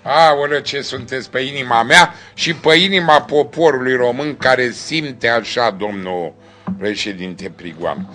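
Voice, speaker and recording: A man's voice: medium pitch, pushed and bright, soft background music. A man hosting a TV talk show, effusive and emphatic, heaping praise on his guest.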